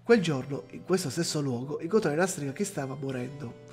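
A man reading aloud the lines of a solemn older woman sorceress from a game, in a slow read-aloud delivery. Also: on the high side, animated, darkish tone, soft background music, close to an everyday voice.

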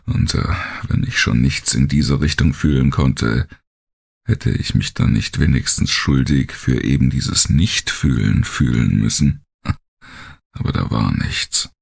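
The narrator of this first-person thriller audiobook is a man whose gravelly, husky voice sits at an extremely low pitch. His delivery is brooding, deliberate, and dramatic.

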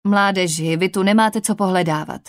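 A woman's voice: mid-range voice, no room sound, close to an everyday voice. A woman voicing a curt, dismissive male crew officer in an audiobook. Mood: stern.

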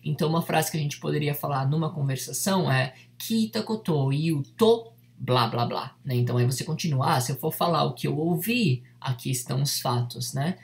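A Japanese teacher leads an online lesson. The voice has a gravelly, fry-edged texture. The delivery is patient, with each word repeated slowly and steady check-ins with the learner. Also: medium pitch.

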